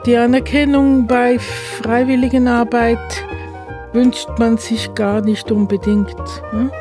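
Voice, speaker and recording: Calm woman narrator over music. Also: on the high side, slow.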